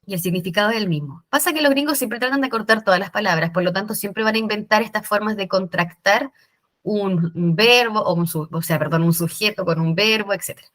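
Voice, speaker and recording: A woman's voice: medium pitch, brisk, a bit bright. A woman teaching English grammar in a recorded lesson, explaining step by step with patient checks.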